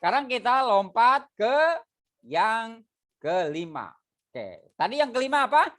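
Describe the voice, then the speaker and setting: A man teaching a poetry reading class. His voice swings widely in pitch as he explains things casually and animatedly, demonstrating sounds and drilling his students. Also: very animated, measured pace, a bit bright. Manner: casual, explanatory, uses fillers like "gitu ya".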